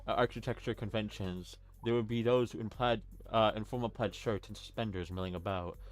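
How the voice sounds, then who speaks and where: A man on a casual livestream with friends, reading game lines in a mock-formal way between jokes. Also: lowish voice. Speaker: streamer voicing a game's dialogue.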